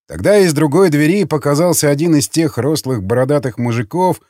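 A man narrating an audiobook in an expressive reading voice. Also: fairly high pitch, brisk, no room sound, studio quality. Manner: expressive, voices many characters.

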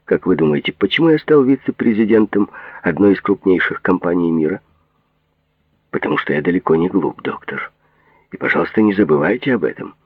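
A paranoid, excitable businessman, as a male reader puts him on, jumping from hushed whispers to sudden shrill cries in an animated voice. The voice underneath is low and gravelly. The sound is thin and phone-like. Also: brisk, no echo, heavily acted. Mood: boastful. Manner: jumpy, swinging from whispers to shrill outbursts. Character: paranoid, excitable middle-aged businessman patient.

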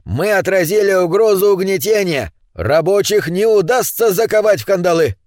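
A prickly little gnome miner who bristles at every slight and talks in a high, bouncing voice, as a man puts him on. The sound is close and dry. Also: animated, a little mellow, no echo. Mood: proud. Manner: indignant, quick to take offence. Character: grumpy touchy male gnome miner.

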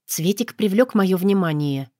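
A woman narrating a fantasy audiobook in an expressive storytelling manner. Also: lowish voice, a little slow, no room sound, clean studio sound.

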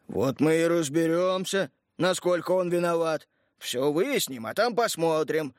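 A man reading an audiobook, voicing a stubborn, pompous army major who lectures slowly and stiffly. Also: a little high, animated, no echo, clean studio sound.

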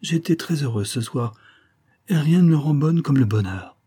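A man voicing a mischievous, spirited young woman in an audiobook, his voice raised higher, lively and wilful. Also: moderate pace, husky. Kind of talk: audiobook reading.

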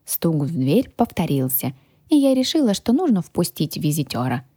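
A woman narrating a first-person fantasy audiobook in a lively, expressive way. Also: low voice, moderate pace, slightly rough, dry recording, clean studio sound. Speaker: audiobook reader.

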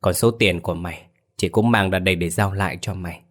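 A timid young widow, terrified of ghosts, pleads in a soft, respectful tone, as a man reads her lines. The voice sits deep and low throughout this storybook telling. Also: steady tone, fast. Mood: pleading.

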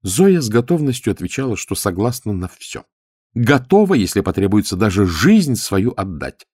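A man narrating an audiobook expressively, letting his voice drop low on the dialogue tags. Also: sing-song, normal speed, a little mellow, husky, no room sound, studio quality.

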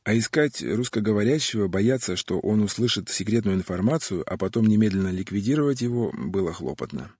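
Man, audiobook narration, husky voice, dry close recording, steady. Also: on the low side, brisk, few pauses, no echo. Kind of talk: scripted narration.

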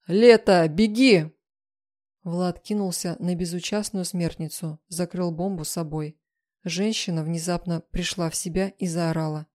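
A woman's voice: fairly low pitch, dark tone. A woman narrating a first-person audiobook with tense, emotional storytelling.

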